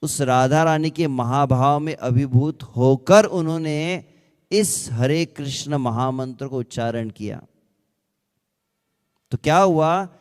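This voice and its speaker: A man giving a devotional discourse who asks rhetorical questions and slows into sung chanting of verses. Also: medium pitch, clean tone, long reverb tail. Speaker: ISKCON speaker.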